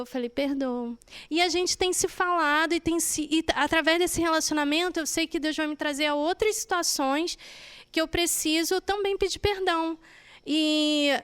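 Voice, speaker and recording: A woman's voice: sits high, a bit bright. A woman giving a personal testimony in church, telling her story and acting out the conversations in it.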